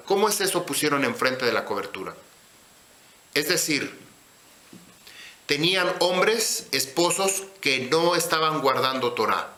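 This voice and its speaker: A man teaching scripture in a sermon, speaking slowly and deliberately and putting questions to his listeners. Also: on the high side, bright, forceful tone, reverberant. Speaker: religious teacher.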